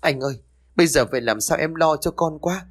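A cruel, scheming stepmother snaps and scolds in a harsh, lively voice, as a man narrating puts her on. Her pitch jumps around freely as she talks. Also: a little fast. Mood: feigned worry.

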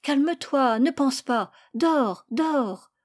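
A gentle storybook mother hushing her frightened child in a soft, soothing tone, voiced by a woman reading aloud. Her voice sits fairly high for a woman's and stays calm and tender. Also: moderate pace, no echo, lightly acted.

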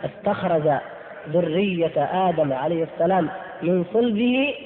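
A man's voice: a little high, expressive, normal speed. A man giving a recorded religious lesson, explaining step by step, repeating key phrases and addressing the listeners as brothers. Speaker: religious teacher. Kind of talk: audio lecture on creed. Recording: tinny, echoey hall recording with faint hiss.

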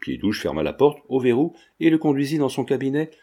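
A man narrating a classic French novel in a steady, measured reading. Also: mid-range voice, breathy edge. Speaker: audiobook narrator. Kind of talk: scripted narration.

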